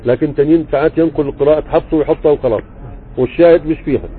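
Racing along in a fairly high-pitched voice, an Egyptian-accented man teaches grammar online in a religious-teaching context. He reads text aloud, explains it in a conversational way and repeatedly checks comprehension, all through tinny, phone-quality sound.

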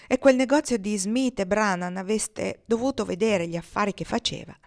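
A woman reading the lines of an eager, chatty male gold prospector in a storybook reading, with a lively storytelling tone. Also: medium pitch, moderate pace, lightly acted.

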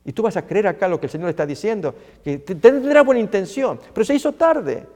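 A man's voice: lively intonation, brisk, a little mellow. A man voicing a grieving, skeptical uncle who pleads in a raised voice, recorded in a hall with a long echo. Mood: grieving doubt. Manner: pleading, disbelieving, raised pitch.

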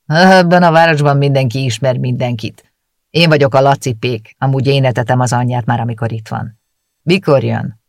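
A narrator voicing a gruff, suspicious village baker in an audiobook, talking curtly and grumbling. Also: male voice, mid-range voice, steady tone, no room sound, studio quality, lightly acted. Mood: grumpy. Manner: curt, grumbling, mistrustful. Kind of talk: audiobook character voice.

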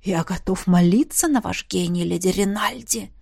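A woman's voice: mid-range voice, normal speed, a little mellow, no echo, clean studio sound, close to an everyday voice. A woman voicing a smug, scheming male fairy captain whose speech drips with sweet venom. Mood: smug sugary. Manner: sugary, hissing.

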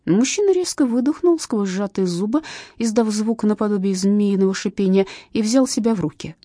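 A woman's voice: medium pitch, normal speed, dark tone, no room sound, clean studio sound. A woman narrating a detective novel as an audiobook, reading expressively. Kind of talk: scripted narration.

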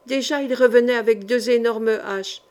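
A woman narrating a historical novel audiobook in a measured, dramatic reading. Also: fairly high pitch, fairly even intonation, a little mellow.

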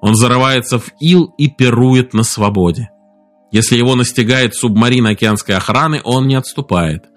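Steady male audiobook narrator. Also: mid-range voice, soft background music. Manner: steady, measured storytelling.

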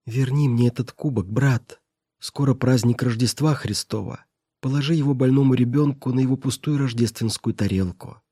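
A man's voice: medium pitch, normal speed, mellow, no echo, studio quality, natural voice. A man doing a desperate pleading mother. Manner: pleading and tearful.

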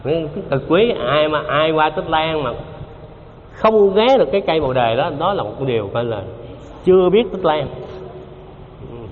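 A man's voice: fairly high pitch, expressive, normal speed, long pauses. Man giving a rambling dharma talk. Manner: conversational, repeats himself, asks the audience questions. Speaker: Buddhist teacher. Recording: dull lo-fi hall recording with faint noise.

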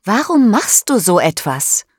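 Storybook teen girl, emotional, pitched up and loud, done by a woman narrator, unhurried, close and dry. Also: very animated, slightly rough, no room sound. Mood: angry. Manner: cries out high and loud.

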